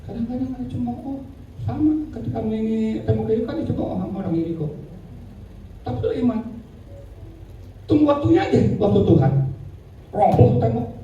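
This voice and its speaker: A pastor preaching an animated sermon, acting out mocking voices and rising to shouts. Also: male voice, high voice, fairly quick, long pauses, slight background noise. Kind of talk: lively church sermon. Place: large echoing church hall. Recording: very echoey, distant, dull church recording.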